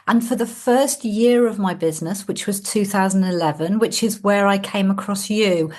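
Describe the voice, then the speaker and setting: On a relaxed interview over video call, a sales coach from Wales looks back on her journey. She speaks at a moderate pace in a medium-pitched voice with a darkish tone.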